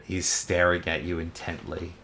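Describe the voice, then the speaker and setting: A man narrating a tabletop game as game master, in a relaxed storytelling manner with many fillers. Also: sits low, normal speed, creaky, a little hiss or hum.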